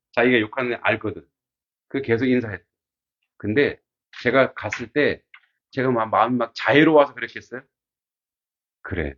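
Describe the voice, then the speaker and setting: Husky-voiced pastor lecturing, lively delivery. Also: male voice, mid-range voice, highs cut off. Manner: animated storytelling, frequent rhetorical questions. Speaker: pastor teaching classics. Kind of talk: casual classroom lecture.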